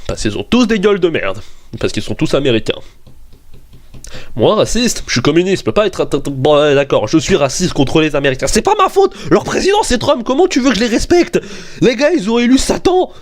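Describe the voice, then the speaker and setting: Brief: young male vlogger, high voice, rants and swears, jumps into squeaky outbursts. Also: a little fast. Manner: excitable, swearing, jumps into high-pitched outbursts and argues with himself. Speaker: YouTube weapons video host. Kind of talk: comedic rant vlog.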